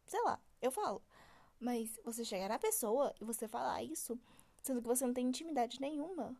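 A young woman hosting a solo podcast, ranting in an exasperated, animated way and mimicking other people. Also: on the high side, brisk, gravelly. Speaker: podcast host.

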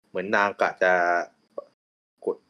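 A man's voice: takes it slowly, sharp tone. A man hosting a casual chat about a TV show, with dry, laid-back remarks. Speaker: podcast host. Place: voice chat call.

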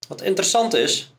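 A man's voice: sits high, a bit bright. Dutch-accented man teaching from scripture. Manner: reads scripture aloud, then explains it verse by verse. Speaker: preacher. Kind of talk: Bible teaching sermon.

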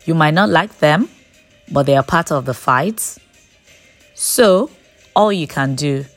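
A woman hosting a short devotional message, speaking in a deliberate, emphatic preaching manner. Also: sits low. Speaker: devotional host.

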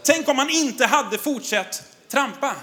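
A man in his thirties preaches to a congregation, telling a story from his own life with lively, animated delivery. His voice sits high and sounds bright and forceful. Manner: animated storytelling, laughs often, audience laughs back. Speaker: pastor. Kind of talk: sermon with personal story.

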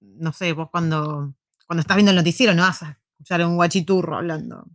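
Low-voiced Argentine woman chatting. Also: fairly even intonation, quick pace, no room sound, studio quality. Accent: Argentine Spanish. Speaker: co-host. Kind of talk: live casual chat. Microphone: desk microphone.

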